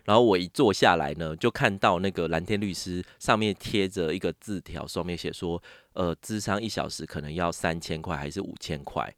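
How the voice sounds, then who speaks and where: Taiwanese guy on a podcast, low voice, tells his story all animated, acts out the other people, dry close sound. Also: fairly quick, few pauses, no echo. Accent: Taiwanese Mandarin. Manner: animated, acts out other people's lines with sudden pitch jumps. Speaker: podcast guest, illustrator. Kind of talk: casual storytelling chat.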